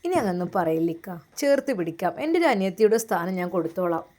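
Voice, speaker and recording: A woman voicing a gentle, consoling young pregnant wife who speaks in a soothing, pleading way. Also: on the low side, big pitch swings, fast talker, slight background noise, pitched below the performer's own voice.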